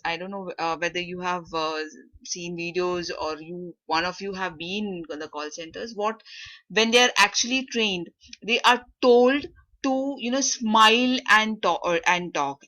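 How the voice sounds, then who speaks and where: A woman leading an online class, often pausing with fillers as she searches for words, heard over a video call. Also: medium pitch, bright, forceful tone. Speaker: workshop facilitator. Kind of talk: interactive online class talk.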